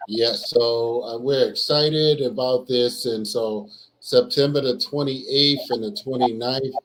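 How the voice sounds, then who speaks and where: A man's voice: mid-range voice, steady tone, slow, a bit bright, low-quality recording. A man hosting a livestream interview over a video call, asking rambling questions padded with fillers and affirming his guest. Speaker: livestream host.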